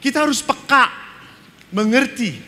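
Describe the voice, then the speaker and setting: Lively bright-voiced priest in a hall. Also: male voice, very high voice, a little slow. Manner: animated storytelling, acting out quoted dialogue. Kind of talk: lively seminar talk with humorous anecdotes. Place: seminar hall. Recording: reverberant hall with faint ambient noise.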